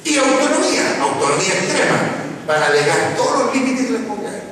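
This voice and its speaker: A man in his sixties with a Chilean accent, a psychologist giving a lively talk to parents, acting out children's voices and tagging lines with a questioning "¿ah?". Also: sits high, fast talker, slight background noise. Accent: Chilean Spanish. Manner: animated, acts out children's voices, tags lines with "¿ah?". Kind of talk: lively public lecture. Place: large school hall. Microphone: distant room mic. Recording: echoey hall from far off, faint ambience.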